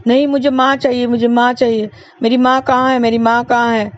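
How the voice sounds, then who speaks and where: A stubborn little boy in a storytelling voice, as a woman puts him on, pitched up and pleading, repeating his demands again and again. The recording sounds dull and lo-fi. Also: flat delivery, fairly quick, lightly acted. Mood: crying. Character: small boy, stubborn and whining for his mother.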